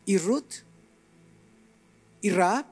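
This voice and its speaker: A middle-aged male preacher delivers a sermon in a high voice, swinging between quiet asides and forceful, emphatic peaks. He acts out short exchanges as he goes. Soft music plays faintly underneath. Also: extremely slow, husky. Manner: animated, acts out dialogue and rises to emphatic peaks.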